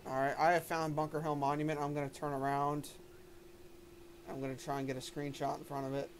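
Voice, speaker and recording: A man's voice: on the high side, monotone, a little fast, a little hiss or hum. A man hosting a casual gaming stream, chatting with friends and narrating his flight aloud. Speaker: streamer and host.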